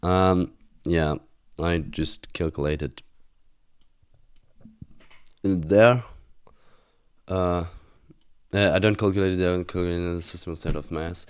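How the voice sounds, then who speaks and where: A man's voice: sits low, steady tone, takes it slowly, long pauses, smooth. A young man with a German accent, a student thinking aloud as he reviews an old exam, hesitant and full of fillers and restarts.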